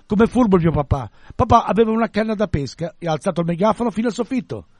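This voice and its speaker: A man's voice: sits high, expressive, racing, darkish tone, no echo, voice pushed up. Man putting on a chirpy little girl spirit. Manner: childlike broken speech, cheerful.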